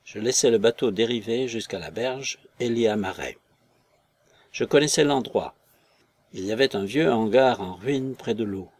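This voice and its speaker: A man narrating a literary story in a measured, scripted audiobook reading. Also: medium pitch, darkish tone.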